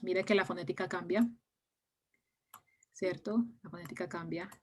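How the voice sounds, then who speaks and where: A woman's voice: fairly low pitch, fairly even intonation, normal speed, a little mellow. A woman teaching English pronunciation online, explaining patiently in Spanish with English words mixed in. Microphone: laptop mic on a video call.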